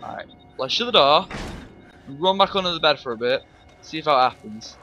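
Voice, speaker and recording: A man's voice: a little high, animated, moderate pace, muffled recording, soft background music. A young man giving jumpy, swearing let's play commentary on a horror game. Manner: jumpy, swearing, laughing, yelling when startled. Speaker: gameplay commentator.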